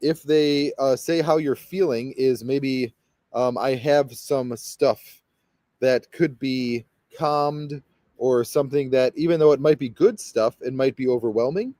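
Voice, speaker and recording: A man's voice: medium pitch, unhurried, dark tone, no echo. Rambling, hesitant male meditation guide. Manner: rambling, hesitant, many fillers and restarts. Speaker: spiritual guide leading a meditation.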